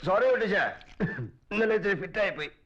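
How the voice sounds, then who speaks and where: An actor playing a hungover, slow-witted friend who drawls and coughs on the phone, in a film drama. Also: male voice, sits high, fairly bright tone, a little hiss or hum. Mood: drowsy. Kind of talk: comic film drama acting. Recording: dull phone-line sound.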